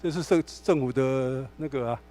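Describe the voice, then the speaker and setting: A man's voice: medium pitch, normal speed. A male pastor with a Taiwanese Mandarin accent, preaching a sermon in a church and telling stories with acted-out dialogue. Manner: animated storytelling, acts out dialogue. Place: church sanctuary.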